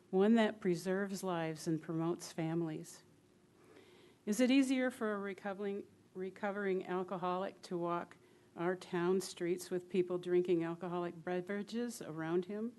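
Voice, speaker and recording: A woman's voice: on the low side, mellow. A woman giving a prepared public comment at a city council meeting, reading earnestly.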